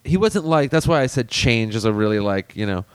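A man with a smooth, resonant, mid-range voice tells stories in casual chat, rambling animatedly and fairly quickly with lots of "like" and restarts as he recalls things. The recording is close and dry, with no room sound.

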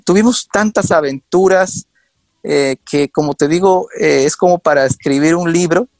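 A man's voice: a little high, moderate pace, darkish tone, no room sound. A man guest telling earnest stories in an interview, with frequent hesitations and restarts. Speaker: guest, documentary show maker. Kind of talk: conversational storytelling.

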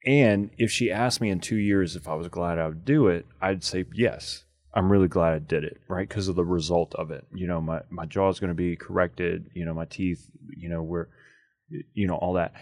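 A middle-aged man with a low-pitched voice speaks with braces in his mouth. He tells casual anecdotes as a podcast and radio host, in a dry, close-sounding room. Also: fairly even intonation, moderate pace, darkish tone, no echo.

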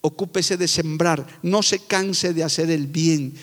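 A middle-aged man preaching fervently as a pastor, moving between loud proclamations and quiet, confiding asides. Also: a little high, measured pace. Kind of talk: sermon. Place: church sanctuary with long reverb. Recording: echoey church hall.

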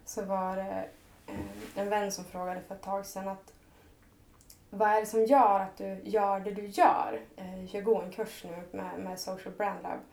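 A woman speaking as a podcast guest, earnest and heartfelt, letting her thoughts run on in long flowing sentences. Her voice sits at an ordinary middle pitch. The room around her rings with a noticeable echo. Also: level tone, darkish tone. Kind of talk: reflective personal conversation.

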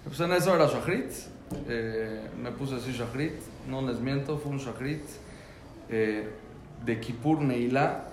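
A man's voice: mid-range voice, a little slow, background noise. Earnest man telling a story in an echoey room. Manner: earnest, repeats words, many restarts. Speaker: father telling his story. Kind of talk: emotional personal storytelling.

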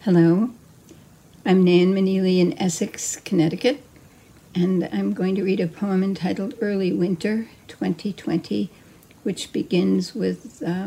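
A woman's voice: on the low side, warm tone, husky, low-quality recording. A woman reading her poem. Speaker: poet. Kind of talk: poetry reading.

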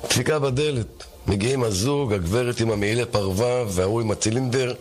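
A man telling a folk tale aloud, acting out voices. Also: mid-range voice. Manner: acts out voices, lively. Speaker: storyteller. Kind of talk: animated oral storytelling.

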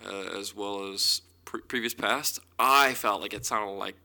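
Bright-voiced man podcasting, sounding inside a concrete bunker. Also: a little slow, vocal fry. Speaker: podcast co-host. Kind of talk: casual podcast chat. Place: apartment with concrete walls and hardwood floors. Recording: boomy hard-walled room, like a concrete bunker.

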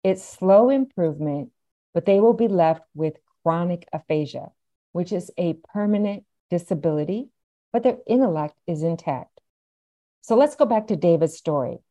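A woman's voice: on the low side, lively intonation, normal speed, warm tone. A middle-aged or older woman, explaining things as an interview guest and stressing key points emphatically. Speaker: podcast guest, aphasia advocate.

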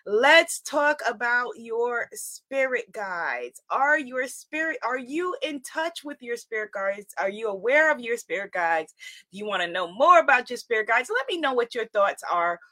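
A woman's voice: a little high, animated, unhurried, bright, forceful tone, no echo. A woman hosting a live spiritual talk online, chatting with viewers in an exuberant, effusive way and repeating phrases for emphasis. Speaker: livestream host and spiritual teacher.

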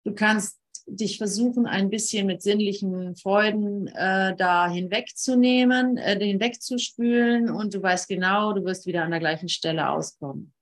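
A woman leading an informal spiritual teaching session, talking earnestly and emphatically, often repeating phrases and pausing. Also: mid-range voice.

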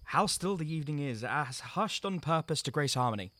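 An actor playing a young courtier who murmurs sly, hushed asides. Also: male voice, on the high side, expressive, fairly quick.

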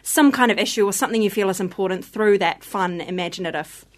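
A woman's voice: medium pitch, fast talker. Woman with a broad Kiwi accent. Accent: broad New Zealand (Kiwi). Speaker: theatre company performer, interview guest. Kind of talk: casual interview chat.

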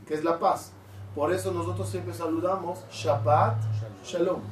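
A man's voice: on the high side, steady tone, a little slow. A middle-aged man, a rabbi, teaching a Torah class and quizzing his students with questions as he goes. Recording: echoey room, mic at a distance, faint hiss.

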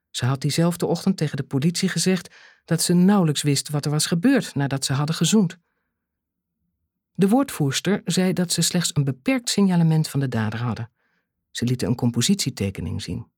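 An audiobook narrator reading a thriller in a measured way, with dramatic pauses. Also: medium pitch, a little mellow, husky, no echo, studio quality.

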